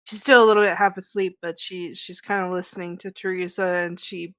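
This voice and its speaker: A woman playing a tabletop role-playing game, describing her character's actions in a hesitant, relaxed way. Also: lowish voice, a little fast, dry recording. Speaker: player.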